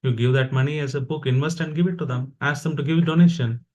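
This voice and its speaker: A man's voice: medium pitch, quick pace, darkish tone. Indian-accented man giving an earnest devotional talk. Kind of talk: informal religious motivational talk.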